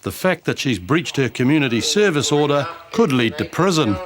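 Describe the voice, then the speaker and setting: A man's voice: mid-range voice, big pitch swings, normal speed, crowd noise. A man with a New Zealand accent reading scripted documentary narration.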